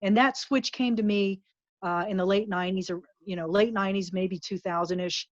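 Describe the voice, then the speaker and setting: A woman guest in a candid interview speaks earnestly, emphatically, and motivationally in a mid-range voice, steady in tone and fairly quick. The recording is dull, lo-fi, and dry, with no room sound.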